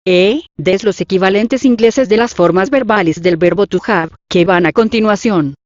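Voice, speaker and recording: A woman reading out the instructions and numbered items of a language exercise, in a measured, even dictation. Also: medium pitch, no echo. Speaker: lesson reader. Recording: dull dry lo-fi audio.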